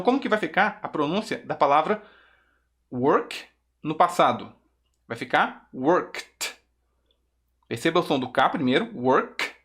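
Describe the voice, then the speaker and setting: A man's voice: on the high side, a bit bright, slight background noise. Brazilian man drilling English sounds. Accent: Brazilian Portuguese. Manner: slow, exaggerated drilling of English words. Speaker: English teacher. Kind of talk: pronunciation lesson.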